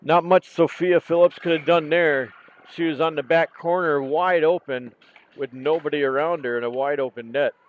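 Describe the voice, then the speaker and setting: Man, hoarse, hockey play-by-play, slightly high voice, unhurried delivery, faint background noise. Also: phone-quality sound. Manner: calm, unhurried play-by-play with self-corrections. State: hoarse, losing his voice. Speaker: play-by-play commentator. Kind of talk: live hockey commentary. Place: outdoor rink in cold weather.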